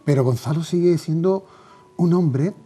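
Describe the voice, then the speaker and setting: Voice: medium pitch, measured pace, warm tone, breathy edge, faint music behind. An interview host asking questions and affirming the guest with short agreements.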